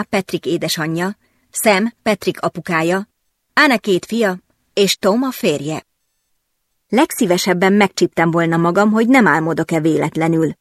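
A woman narrating a first-person novel in a lively, expressive way. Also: fairly low pitch, dry recording, clean studio sound. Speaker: audiobook narrator.

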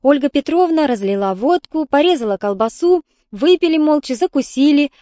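A woman narrating an audiobook in a steady storytelling manner. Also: high voice, normal speed, no echo, clean studio sound.

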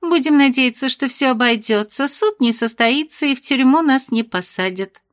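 Evasive fairy headmistress read by a woman, soothing yet dismissive, slightly high voice, audiobook character. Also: lively intonation, normal speed.

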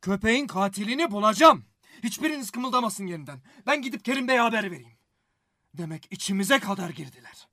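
An actor playing a boastful, suspicious young man in a radio drama, given to shouting bursts. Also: high-pitched, expressive, brisk, dry recording, clean studio sound. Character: Selim, blustering nationalist young man.

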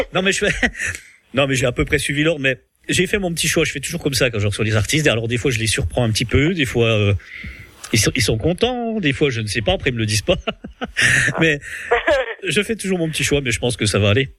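A man's voice: mid-range voice, very animated, fast talker, pushed and bright. A man hosting a radio interview, talking hesitantly with many restarts and frequent laughter. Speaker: radio host.

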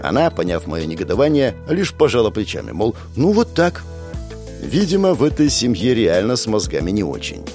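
A man narrating a first-person audiobook in an expressive, wry manner, voicing all the characters. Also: fairly low pitch, normal speed, faint music behind.

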